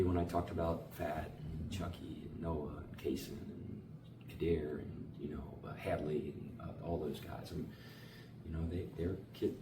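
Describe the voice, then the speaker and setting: Heard from a distant mic in a reverberant room over constant background noise, a very deep-voiced man answers interview questions casually. He coaches basketball and talks with slangy energy, full of repetitions and filled pauses.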